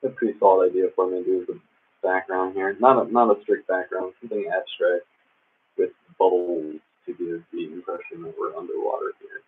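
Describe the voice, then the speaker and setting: A man's voice: deep voice, fairly even intonation, a little fast, husky. A man chatting casually and thinking aloud on a drawing livestream, heard muddily through a Bluetooth speaker used as a microphone. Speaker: live streamer drawing comic art. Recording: muddy, phone-like Bluetooth speaker used as mic.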